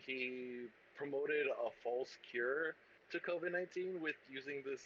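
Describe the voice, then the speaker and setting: A man's voice: mid-range voice, steady tone, measured pace, a bit bright, muffled recording, a little hiss or hum. A man chatting as a podcast guest, hesitant and restarting his sentences often. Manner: hesitant, many restarts and fillers. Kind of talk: casual podcast chat.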